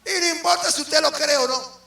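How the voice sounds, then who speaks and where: A man with a Venezuelan accent preaching a sermon as an apostle, swinging between loud emphasis and quiet asides and firing questions at the congregation. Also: very high-pitched, a little fast, creaky, distant mic. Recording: roomy hall from off the mic, faint music.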